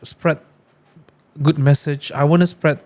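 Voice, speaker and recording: A man's voice: a little high, fairly even intonation, measured pace, a little mellow. A man hosting a podcast in casual chat, playful and teasing with his guest. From Brunei. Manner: playful, teasing, uses "bro". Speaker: podcast host.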